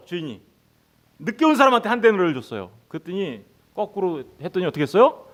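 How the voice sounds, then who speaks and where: A male pastor preaching a sermon who keeps asking his congregation rhetorical questions. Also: high voice. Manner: acts out the workers' lines in quoted voices.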